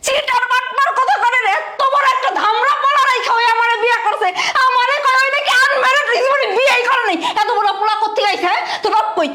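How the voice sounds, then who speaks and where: A woman playing a furious young bride who has been deceived, scolding and shouting. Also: extremely high pitch. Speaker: bride in a web drama. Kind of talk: short web drama acting. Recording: echoey room with clear noise.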